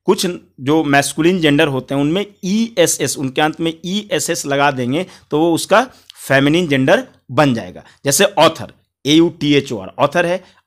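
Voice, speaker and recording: Male online tutor, fairly high voice, patient, repetitive, spells words aloud letter by letter. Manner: addresses viewers as friends, repeats each point. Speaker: English teacher. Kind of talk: Hindi grammar lesson.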